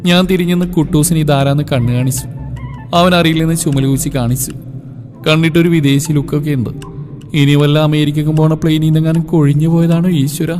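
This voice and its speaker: High-voiced male storyteller, playful. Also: a little fast. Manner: lively, playful, comic. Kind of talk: first-person story reading with voices. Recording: long reverb, faint music behind.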